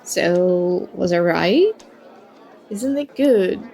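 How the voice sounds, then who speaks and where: A woman with a fairly low, gravelly voice speaks very slowly and animatedly in an exaggerated manner. In this acted ASMR roleplay she's a flirtatious stranger at a party bar, teasing, coy, playful and mock-apologetic, with party chatter and soft music behind her.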